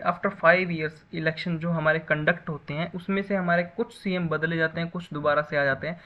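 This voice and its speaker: A man's voice: fairly high pitch, muffled recording. A man teaching a basic computer class in a lecture style, explaining with everyday examples and often checking back with "है ना".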